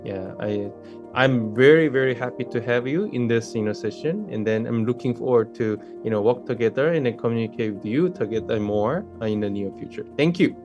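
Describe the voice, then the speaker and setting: A man's voice: medium pitch, a little fast, dull audio, music in the background. Rambling male forum moderator. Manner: rambling, many "you know" fillers.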